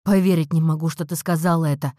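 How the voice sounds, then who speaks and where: A woman voicing a furious young man who growls and shouts, in an audiobook. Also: low voice, moderate pace, no echo, clean studio sound. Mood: shouting. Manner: growling, shouting through clenched teeth.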